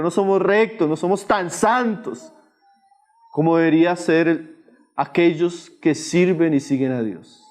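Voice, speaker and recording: A man preaching a sermon, slow and emphatic with dramatic pauses. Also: sits high, darkish tone.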